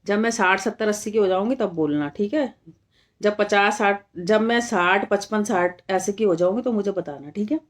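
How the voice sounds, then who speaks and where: A woman's voice: medium pitch, normal speed. A middle-aged woman from India hosting a casual live stream, talking straight to her viewers and firmly rebutting comments, repeating her points for emphasis.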